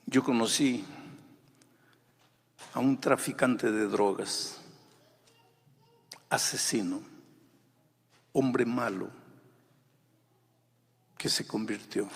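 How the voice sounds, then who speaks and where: A male pastor delivers a sermon with a slightly husky voice. He tells his story softly, then surges into loud, urgent calls to the congregation. His voice rings with a long reverb from a large church hall. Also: medium pitch, fairly even intonation, drawn-out words, long pauses. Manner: swings from quiet intimate storytelling to loud fervent exhortation.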